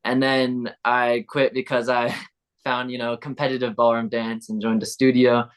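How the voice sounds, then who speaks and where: A young man of eighteen from Utah is a guest in an interview. He answers in a relaxed, chatty way, with his words running on freely. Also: mid-range voice, moderate pace, clean tone. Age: teens. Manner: casual, chatty, laughs between phrases.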